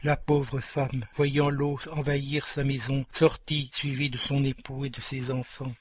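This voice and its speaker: A man narrating a dramatic story in a solemn, measured way. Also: medium pitch, little pitch movement, breathy edge, dry recording.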